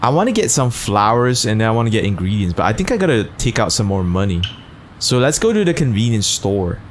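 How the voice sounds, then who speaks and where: Male gaming host, slangy and sweary, animated casual commentary, noisy game backdrop. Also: fairly low pitch, quick pace. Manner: profane, slangy. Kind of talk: casual let's play commentary. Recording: noisy game sound behind.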